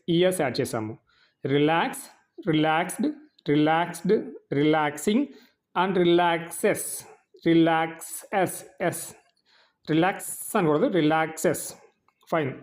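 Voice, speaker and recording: Patient Telugu-accented man teaching English. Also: on the high side. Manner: patient, spells words out letter by letter; repeats word forms in slow lists. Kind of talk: vocabulary lesson, Telugu explanations of English words.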